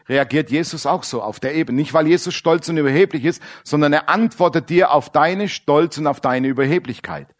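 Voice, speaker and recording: A man preaching a sermon in a blunt, animated way, acting out quoted characters and dropping to quiet asides. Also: mid-range voice.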